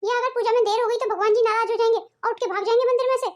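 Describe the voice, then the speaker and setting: A woman's voice: extremely high pitch, steady tone, racing. A woman voicing a lazy, headstrong young newlywed daughter-in-law in a cartoon, talking in a whiny, sulky way with faint music behind. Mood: grumbling.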